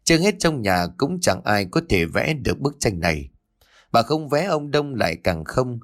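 A man narrating a ghost story audiobook with expressive storytelling. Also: mid-range voice, normal speed.

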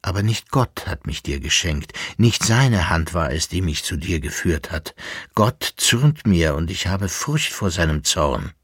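A frightened young woman full of tenderness and guilt, read by a man in a low, husky, hushed voice. The pace is slow and unhurried, and the sound is dry and close to the mic. It comes from a storybook reading. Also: big pitch swings, dry recording, exaggerated voice. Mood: fearful. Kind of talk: audiobook reading.

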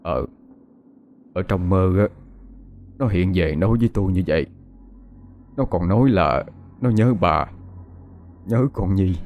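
A man voicing an older grieving father who speaks haltingly. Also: low voice, expressive, muffled recording, slight background noise. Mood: weary. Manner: halting, hesitant with many "ờ". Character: older grieving father, shaken, plain-spoken.

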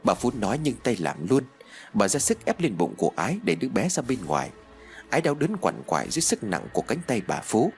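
A man narrating a horror audiobook in an expressive, dramatic storytelling manner. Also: lowish voice, a little fast, vocal fry, soft background music.

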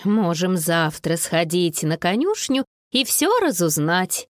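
A woman voicing a kind, gently teasing grandmother who speaks calmly, read as an audiobook. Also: on the low side, takes it slowly, dry recording, studio quality, voice pushed down. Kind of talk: audiobook narration.

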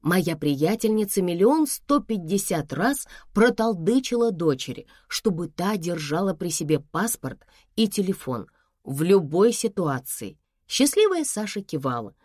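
Expressive woman telling a story. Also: lowish voice, a little slow, no echo, studio quality. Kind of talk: first-person story narration.

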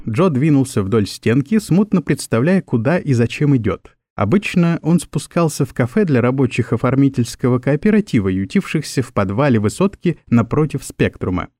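Guy narrating an audiobook, expressive, bouncy intonation, dead dry sound. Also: medium pitch, dry recording. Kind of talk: scripted narration.

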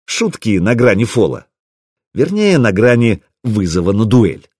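A man narrating an audiobook in the first person, wry and expressive. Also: lowish voice, measured pace, slightly rough, no room sound, clean studio sound.

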